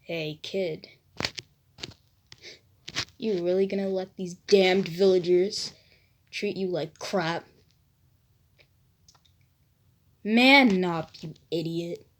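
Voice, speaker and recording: A woman doing gruff, bossy Bakugo. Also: fairly low pitch, takes it slowly, pauses often. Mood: mocking. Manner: gruff, insulting, commanding. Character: gruff rude teen boy, bossy inner voice.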